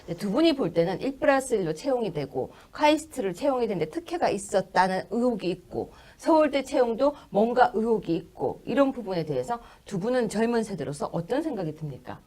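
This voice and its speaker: Middle-aged woman, talk show host, lively swooping pitch, animated, laughs often. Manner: animated, laughing, quick asides.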